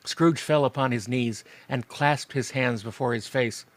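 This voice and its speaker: A man's voice: medium pitch, measured pace, dry recording. A man narrating a classic story as a dramatic reading.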